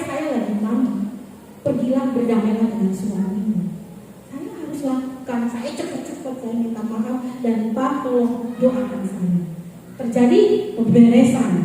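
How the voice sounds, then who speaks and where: A high-voiced woman pastor preaches in a relaxed, storytelling manner with a warm, mellow tone. Her voice comes from far off the mic and rings through a big echoing church hall with a long reverb tail. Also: a little hiss or hum. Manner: conversational storytelling, frequent "ya" tags. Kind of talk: sermon.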